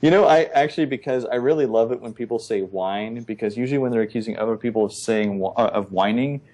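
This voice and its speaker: Mid-pitched man, wry host banter. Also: fast talker, a little mellow. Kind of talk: casual group chat.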